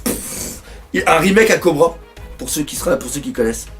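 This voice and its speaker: A man from France doing live reaction commentary on a manga chapter, excitable, swearing often and reading panels aloud. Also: fairly high pitch, moderate pace, faint music behind.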